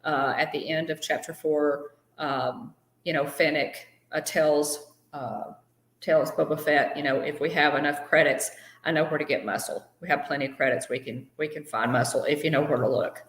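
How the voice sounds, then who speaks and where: Co-hosting a casual live fan show stream, a woman with a low, deep voice chats away, greets viewers by name and pads her sentences with fillers. Her tone is steady and her speed normal, and the sound rings a little in a roomy space.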